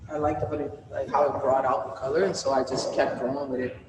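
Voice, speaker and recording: A woman's voice: extremely low pitch, level tone, brisk, noisy background. Rambling woman in an echoey gallery. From New York. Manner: loose, rambling, heavy with fillers. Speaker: exhibiting artist. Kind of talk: casual gallery talk. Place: art gallery, indoors. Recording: echoey hall from far off.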